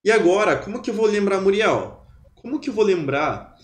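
A man leads a webinar lesson in a lively, chatty way, repeating words to drill them. His voice sits a touch high. The sound is roomy and echoey. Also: normal speed. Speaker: German teacher. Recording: roomy echo.

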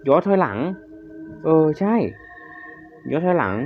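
A man's voice: a little high, big pitch swings, unhurried. A man doing casual commentary on a horror game as he plays, jumpy, exclaiming often and swearing freely. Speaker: game streamer. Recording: somewhat dull lo-fi audio with loud game music. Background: horror game music and sound effects.

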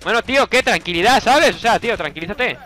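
A young Spanish man with a high, bright voice that leaps all over the place, commentating his own gameplay. He swears nonstop, gets excitable fast and barks orders at his teammates, all over a faint bed of music. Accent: Spanish from Spain. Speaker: gaming YouTuber. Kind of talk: let's play commentary.

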